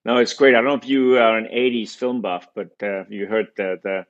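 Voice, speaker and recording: A middle-aged man from Denmark, a native Danish speaker, talking in a relaxed, thoughtful way as a guest in an interview. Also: lowish voice, a little fast, highs cut off. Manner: relaxed, thoughtful, frequent fillers. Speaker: guest, company founder. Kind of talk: casual interview conversation.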